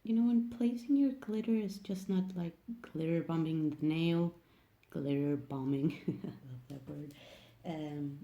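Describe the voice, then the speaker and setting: This nail technician from Sweden records a casual hands-on tutorial in English, her second language, with a Swedish accent. Her low, dark voice moves at a measured pace with the highs cut off, and she hesitates while hunting for words.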